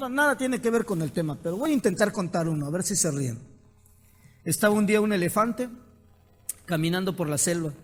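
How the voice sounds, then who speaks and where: A man with a Mexican accent, a pastor giving a lively sermon full of stories and rhetorical questions. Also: high-pitched. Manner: animated storytelling with rhetorical questions.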